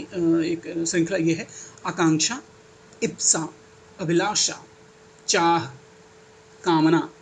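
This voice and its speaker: Young man, teacher type, slightly high voice, reads lists with chatty enthusiasm, faint hiss behind. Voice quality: enthusiastic, chatty asides between listed words. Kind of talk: exam-prep lesson reading out word lists.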